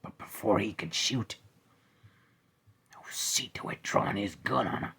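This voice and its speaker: A man narrating a story in the style of old-time radio, hushed and whispery with loud sound-effect bursts. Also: on the low side, a little slow, gravelly, breathy edge.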